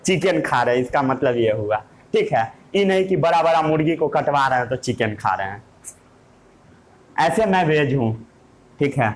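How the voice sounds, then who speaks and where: A man teaching a lesson, asking questions and answering them himself in a playful way. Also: fairly high pitch. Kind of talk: classroom lesson.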